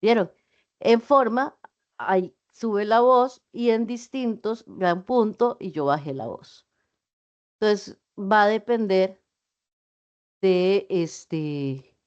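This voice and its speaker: A woman's voice: medium pitch, a little mellow. Woman teaching on a dull call. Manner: patient, explains with spoken examples. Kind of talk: online class lecture.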